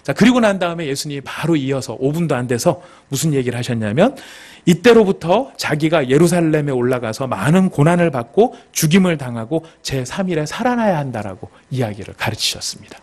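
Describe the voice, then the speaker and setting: Male pastor preaching in church, kinda husky, voice goes up and down a lot, tells it like a story. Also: fairly high pitch, brisk. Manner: animated storytelling, acting out quotes. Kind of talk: sermon. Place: church sanctuary.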